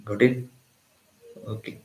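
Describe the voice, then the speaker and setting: A slow-speaking physics tutor from Tamil Nadu, with an Indian English accent, leads a live-streamed exam-prep lesson, repeating lines and frequently asking "got it?". The room is echoey and the audio poor.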